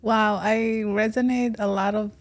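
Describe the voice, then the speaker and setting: A woman's voice: medium pitch, steady tone, measured pace. A woman hosting a podcast, friendly and encouraging, chatting casually with her guest. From came to Canada as a refugee. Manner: friendly, encouraging, frequent backchannels. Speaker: podcast host. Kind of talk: casual interview chat.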